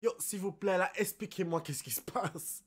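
A young man with a Québécois French accent giving casual reaction commentary, excitable and apologetic, blurting out English exclamations. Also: high voice, normal speed, breathy edge. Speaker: anime reaction YouTuber.

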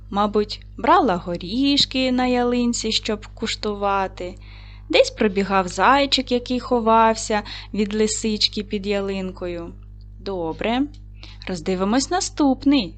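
A woman teaching a recorded primary school lesson, patiently asking questions and slowly spelling out sounds and syllables. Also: mid-range voice, fairly bright tone. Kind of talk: recorded video lesson for children.

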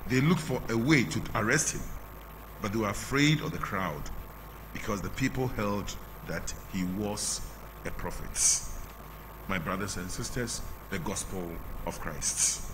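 A middle-aged man with a Ghanaian English accent, a canon reading the gospel and preaching, in measured phrases that fall at the ends, through a lectern microphone at a church altar. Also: fairly low pitch. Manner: measured, drawn-out phrasing with falling line endings. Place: large church sanctuary at the altar. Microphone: lectern microphone, face mask on. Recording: long church reverb, faint hum.

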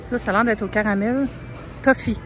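A woman's voice: fairly high pitch, steady tone, brisk, slight background noise, poor audio. A young woman with a Québécois French accent chatting casually as she films herself browsing a big grocery store on her phone. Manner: chatty, lots of fillers, soft asides. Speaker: vlogger. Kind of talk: casual shop-with-me narration. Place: large grocery store, indoors. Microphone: handheld phone camera. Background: faint store music.

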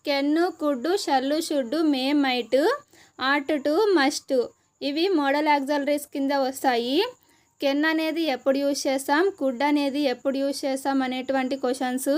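High-voiced Telugu-accented woman teacher. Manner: slow, deliberate listing of terms one by one. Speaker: exam prep teacher. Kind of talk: explanatory lesson for exam preparation.

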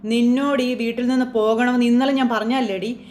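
A woman's voice: a little high, steady tone, normal speed, darkish tone, slight background noise, lightly acted. A woman reading a bossy male villain, threatening. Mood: menacing. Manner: threatening, domineering. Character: scheming middle-aged male villain, bossy.

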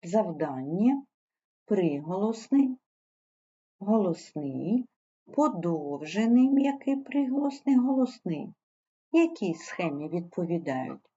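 A woman's voice: lowish voice, very animated, slow, pauses often, dark tone, breathy edge, highs cut off. A woman teacher giving a primary school language lesson, patiently spelling out sounds and syllables. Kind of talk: slow explanatory online lesson.

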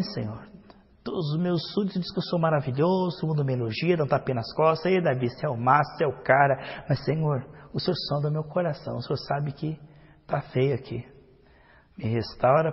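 Preaching pastor in an echoing hall. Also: male voice, a little high, husky. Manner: preaching with wide swings from loud outbursts to hushed prayer. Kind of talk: sermon. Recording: dull lo-fi sound with long hall reverb.

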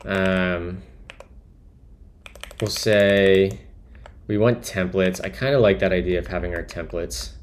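A man's voice: deep voice, fairly even intonation, takes it slowly, pauses often. A man live-coding on a stream, thinking aloud and talking to chat in a musing, trailing-off way as he types.

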